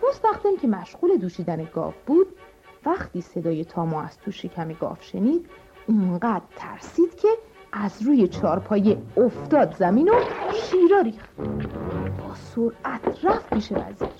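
A woman storyteller reads a children's tale and speaks straight to the kids. Her voice is mid-pitched but very lively and expressive. It is a dull, lo-fi recording with clear music underneath.

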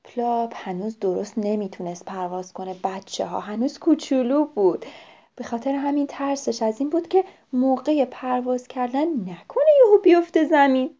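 A woman narrating a children's story, often turning to speak to the children directly. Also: fairly high pitch. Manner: lively, addresses the children directly. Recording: dull lo-fi recording.

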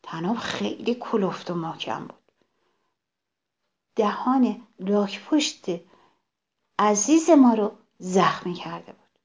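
A woman tells a children's story aloud, speaking straight to her young listeners. Her pitch sits in the middle but moves very lively. The telling is animated and warm to the kids. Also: long pauses. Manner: animated, addressing children directly.

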